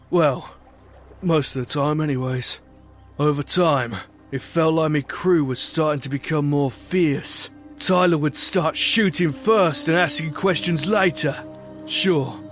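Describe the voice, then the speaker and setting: Guy doing a pirate captain telling his sea story, highish voice, salty slang, hearty, music behind him. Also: a bit bright. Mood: wistful. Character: bearded male pirate captain, hearty, boastful, wistful narrator. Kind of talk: scripted pirate adventure narration.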